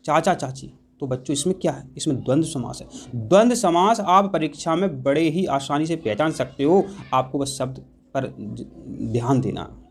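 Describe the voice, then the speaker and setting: A man's voice: fairly high pitch, lively intonation, normal speed, a little hiss or hum. A man teaching an exam-prep grammar lesson, repeating key points and putting questions to the class. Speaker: Hindi teacher.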